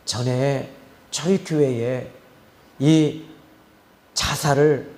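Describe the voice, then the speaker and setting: A man's voice: on the high side, a little mellow, roomy sound. A man pastor preaching a sermon as dramatic storytelling, drawing out words for emphasis.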